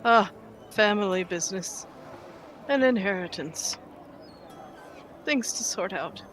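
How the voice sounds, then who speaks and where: A woman's voice: mid-range voice, takes it slowly, fairly bright tone, slight background noise. Woman playing a courteous, formal fantasy adventurer. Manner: courteous, old-fashioned, hesitant. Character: polite, formal adventurer seeking passage. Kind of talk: tabletop role-play. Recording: music behind.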